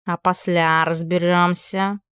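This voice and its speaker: A woman voicing a bossy talking house cat who speaks in an unhurried, gruff way. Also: mid-range voice, no echo, studio quality, natural voice.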